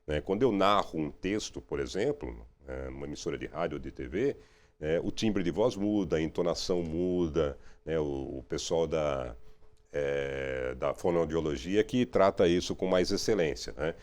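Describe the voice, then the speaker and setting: A middle-aged man, a radio and TV journalist, speaking in a relaxed, reflective interview, often ending phrases with a questioning tag. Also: rumbling low, normal speed. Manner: reflective, frequent "né?" tags.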